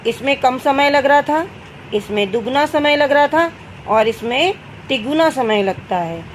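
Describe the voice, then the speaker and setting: Young female teacher, high pitch, patient question-and-answer style with children, faint background noise. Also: lively intonation, measured pace, rough recording. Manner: asks students questions and answers them herself; addresses students as "beta". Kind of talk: Hindi grammar lesson for children.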